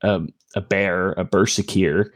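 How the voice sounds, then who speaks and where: A man's voice: sits low, fairly even intonation, unhurried. A man co-hosting a book podcast, chiming in casually with agreement and his own takes. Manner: short agreeing interjections, easygoing.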